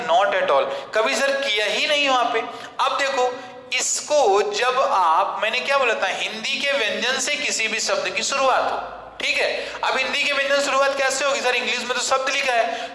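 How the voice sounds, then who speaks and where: High, bright-voiced male grammar teacher. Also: roomy sound, long reverb tail, low-quality recording. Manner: repeats questions back to students and answers them himself; switches into slow, deliberate English phrases. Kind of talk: classroom lecture.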